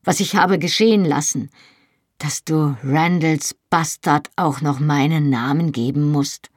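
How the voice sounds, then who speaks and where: A bitter, anguished young man, his pained outbursts breaking through, as a woman reader voices him. The voice sits low and husky, recorded close and dry with no room around it. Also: unhurried, no room sound.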